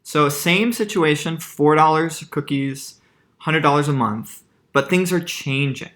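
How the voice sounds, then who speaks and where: A man's voice: on the high side, unhurried, a bit bright. Chatty man explaining math on slides. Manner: conversational, checks in with frequent "right?", restarts mid-phrase. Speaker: math teacher. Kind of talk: casual lecture explaining calculus with slides.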